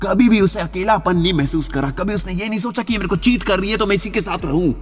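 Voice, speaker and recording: A man narrating a motivational story in a brisk, dramatic way for his video channel. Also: sits high. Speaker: YouTube storyteller. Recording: reverberant voice-over with background music.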